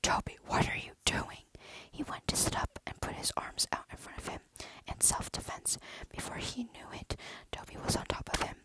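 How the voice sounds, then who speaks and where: A storyteller reading a dark horror story aloud in a steady, hushed whisper. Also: moderate pace, hardly any pauses.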